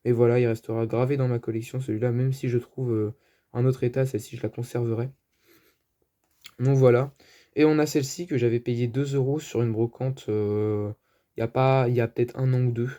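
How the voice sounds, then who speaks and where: Dark-toned French man chatting casually. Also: medium pitch, steady tone, brisk. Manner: chatty, hesitant, many fillers. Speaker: card collector vlogger. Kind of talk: casual show-and-tell.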